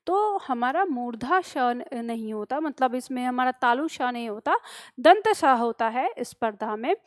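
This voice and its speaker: A woman's voice: high-pitched, dry recording, clean studio sound. A woman teaching Hindi spelling for competitive exams, who explains step by step and asks and answers her own questions. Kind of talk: exam-prep lesson on spelling.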